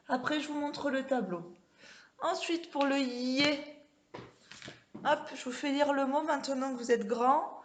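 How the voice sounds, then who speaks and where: Teaching young children to read at home, a primary school teacher stretches out words with careful pronunciation in a classroom with a board. Her voice sits a little high and her pace is relaxed, with frequent pauses to check in through questions. A little hiss or hum runs under the recording.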